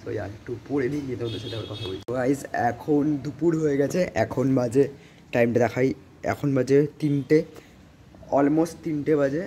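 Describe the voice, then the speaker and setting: A teenage boy from India with a cold-roughened voice, vlogging casually into a phone at home, rambling with lots of fillers and English words. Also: mid-range voice, brisk, warm tone, a little hiss or hum. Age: teens. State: hoarse from a cold. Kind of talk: casual vlog chat. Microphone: phone camera.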